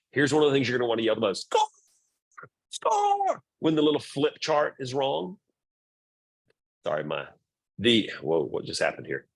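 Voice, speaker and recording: At an orientation talk for volleyball parents, a middle-aged man presents bluntly and repetitively, acting out quoted remarks. His voice is fairly low and gravelly, with a fairly bright tone and a breathy edge.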